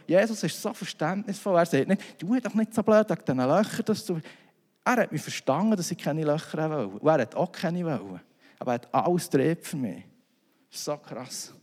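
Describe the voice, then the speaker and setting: A man's voice: on the high side, darkish tone. A man preaching a sermon in a loose, conversational way full of asides and restarts. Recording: long reverb of a hall.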